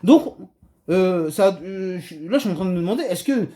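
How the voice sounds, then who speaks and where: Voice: medium pitch, expressive, normal speed, dark tone. A video commentator delivering a heated rant to camera, agitated and emphatic, with many hesitations and restarts.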